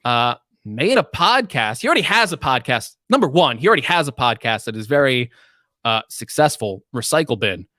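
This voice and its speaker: A man co-hosting a tech podcast in casual chat, animated and self-mocking. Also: medium pitch, a little fast, dry recording, clean studio sound. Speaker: podcast co-host.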